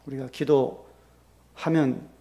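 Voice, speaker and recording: A man preaching a sermon as pastor, acting out quoted prayers with sudden loud bursts and soft drops. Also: medium pitch, fairly even intonation, drawn-out words.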